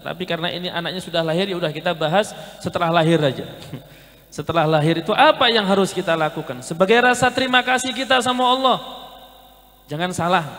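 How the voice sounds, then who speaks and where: A man's voice: high voice, a bit bright, in a large hall. A male Islamic preacher, giving a conversational sermon and telling stories while addressing the men listening.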